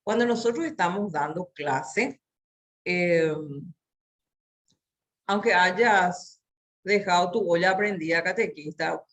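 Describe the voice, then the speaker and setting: A woman teaching catechists about speaking, demonstrating voice and tone as she lectures. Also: fairly low pitch. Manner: expressive, demonstrative, slow. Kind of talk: training lecture.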